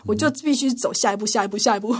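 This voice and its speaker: A woman's voice: medium pitch, rapid-fire, slightly rough. A woman, a radio interview guest giving an earnest, emotional personal testimony. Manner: earnest, emotional storytelling with frequent laughs. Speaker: interview guest, TV department manager.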